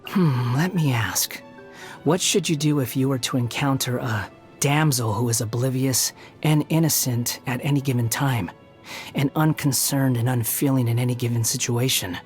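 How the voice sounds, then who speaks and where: An actor voicing a scornful, aloof, youthful male puppet wanderer in a video game, with a condescending, mocking and deliberate delivery. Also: mid-range voice, faint music behind, lightly acted. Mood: bitter, scornful. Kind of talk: video game character voice acting.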